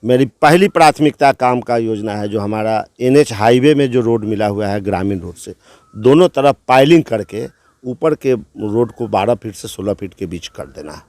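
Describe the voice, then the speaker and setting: A man's voice: on the low side, expressive, moderate pace, darkish tone, no echo. A man running for village council, eagerly laying out his plans in an interview at a gathering. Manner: eager, assenting, lists plans. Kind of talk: interview answers.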